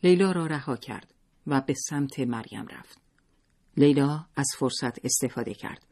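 A man narrating a story in a steady, measured storytelling manner. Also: mid-range voice.

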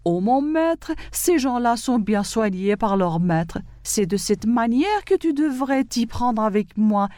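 A woman's voice: on the high side, animated, slow pace, hardly any pauses, warm tone, dry recording, studio quality, pitched above the performer's own voice. A woman voicing a ragged poor man who complains boldly to heaven. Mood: pleading. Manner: bold, complaining.

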